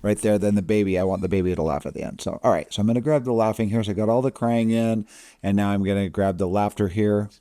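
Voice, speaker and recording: Low, mellow man giving an editing tutorial. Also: fast talker, dry recording, studio quality. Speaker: film editing instructor. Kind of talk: casual screen-recorded tutorial narration.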